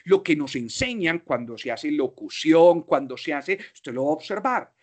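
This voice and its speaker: A man's voice: a little high, expressive, normal speed. A man with a Colombian accent giving a motivational talk in a playful, slangy way, asking himself questions and answering them. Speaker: speaker.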